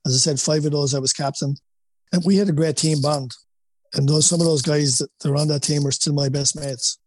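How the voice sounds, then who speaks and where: Irish man with a Wexford accent, higher-pitched. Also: fairly even intonation, fairly quick, slight background noise. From Wexford, Ireland. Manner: peppers talk with "you know", emphatic repetition. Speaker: boxing coach, former boxer. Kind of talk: conversational interview answers, anecdotal.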